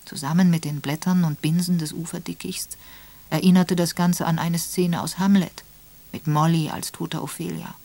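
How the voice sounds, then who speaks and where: A woman reading a crime novel aloud in calm scripted narration. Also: on the low side, moderate pace, gravelly, no room sound. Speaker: audiobook reader.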